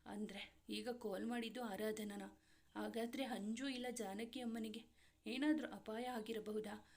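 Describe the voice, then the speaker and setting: Woman narrator reading a concerned young male friend, questioning, a touch high. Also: steady tone, a little slow, a little mellow. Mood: worried. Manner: pressing, questioning. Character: young man, worried loyal friend.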